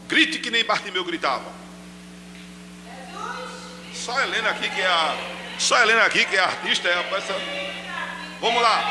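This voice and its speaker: This pastor's voice sits high as he preaches with animation into a handheld mic, speaking straight to his congregation and shouting out acted cries. A long reverb tail trails his words, and there's noise in the background.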